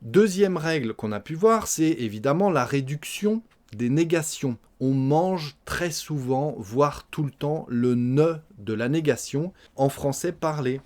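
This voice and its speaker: A man past his twenties teaching spoken French, explaining carefully and repeating example phrases slowly, often adding "hein". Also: on the high side, animated, darkish tone. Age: older than twenties.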